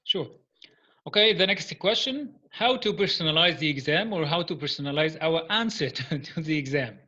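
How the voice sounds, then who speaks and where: A male interviewer with a fairly high, bright and forceful voice reads out his questions plainly. Between the guest's answers he adds short acknowledgements. His audio sounds dull and lo-fi. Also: animated, moderate pace.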